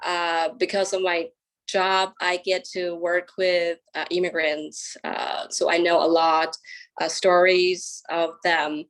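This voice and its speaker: A woman, introducing herself on a panel with many hesitant pauses. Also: fairly low pitch, flat delivery. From China. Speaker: immigration attorney, panelist.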